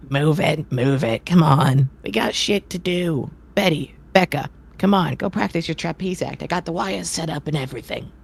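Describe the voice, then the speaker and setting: A man's voice: fairly high pitch, normal speed, vocal fry, slightly rough, pitched above the performer's own voice. A man voicing a bossy, impatient halfling circus ringleader who barks orders. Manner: impatient, barking orders, fumbling. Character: gruff, bossy little halfling ringleader, middle-aged man.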